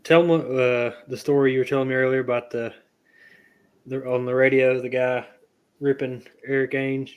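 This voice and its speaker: A man's voice: medium pitch, level tone, normal speed, clear, resonant tone. A man co-hosting a casual sports chat, laughing along and prompting with short remarks. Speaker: co-host.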